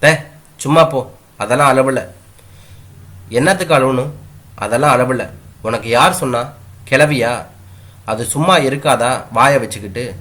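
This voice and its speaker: A man's voice: mid-range voice, unhurried, pauses often, a bit bright, lightly acted. Irritable village mother voiced by a male reader, snapping, dismissive, storybook. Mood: irritated.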